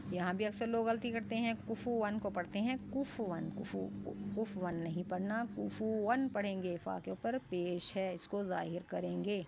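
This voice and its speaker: A woman teaches tajweed in a patient, methodical way, slowing right down to spell out each syllable before she recites it. Her voice sits at a middle pitch. Steady traffic and street noise run clearly underneath the whole recording. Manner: patient, explains then recites syllables slowly.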